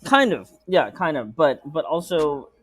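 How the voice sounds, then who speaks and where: A man's voice: fairly high pitch, very animated, a little slow, a bit bright, dry recording. A man, a filmmaker being interviewed, answering casually and hesitantly with many ums and careful restarts. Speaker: filmmaker guest.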